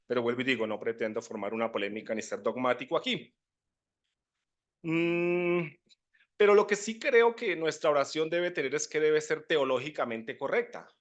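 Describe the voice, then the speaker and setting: A man's voice: on the high side, normal speed, muffled recording. Man teaching the Bible. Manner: conversational, often asks "¿cierto?". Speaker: preacher.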